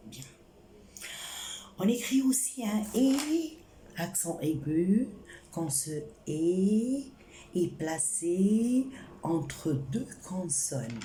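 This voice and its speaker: A woman teaching a French spelling lesson, speaking slowly and repeating each point and example. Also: sits low, dark tone. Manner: slow, repetitive, spells out examples. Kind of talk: spoken grammar lesson. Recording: echoey room with faint hiss.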